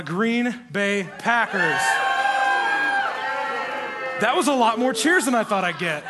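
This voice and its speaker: A man's voice: high-pitched, background noise. A young man from Iowa, a church resident, introducing himself to a congregation with playful, self-deprecating humor and frequent laughs. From Iowa, USA. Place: church stage before a congregation.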